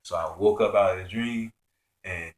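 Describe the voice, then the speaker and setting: A man's voice: sits low, moderate pace, reverberant. A man telling a personal spiritual story in an earnest, rambling way, with many fillers. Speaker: spiritual vlogger.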